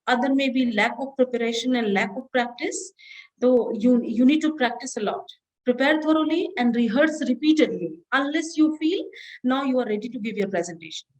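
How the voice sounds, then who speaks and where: A woman, an associate professor giving a classroom lecture on presentation skills, checking in often with "all right?" and slowing down to stress key words. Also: on the high side, a little mellow, poor audio. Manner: instructive, repeats "all right?" to check understanding.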